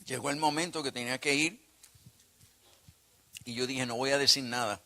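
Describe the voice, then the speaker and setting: A man pastor telling a personal testimony in a sermon, emotional and surging to loud bursts. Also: medium pitch, fairly even intonation, moderate pace. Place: retreat conference hall.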